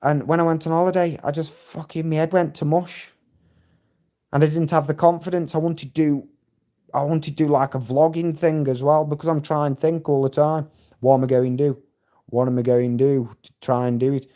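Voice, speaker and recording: A man's voice: fairly high pitch, little pitch movement, a little fast, warm tone. A middle-aged man, chatting casually on a live stream, rambling and swearing freely as he tells stories. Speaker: livestream host.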